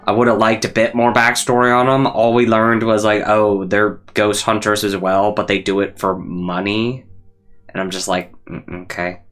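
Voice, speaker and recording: A man's voice: on the low side, little pitch movement, normal speed, fairly bright tone. A man giving casual let's play commentary, rambling and thinking aloud in loose asides. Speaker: gaming video host. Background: faint game music.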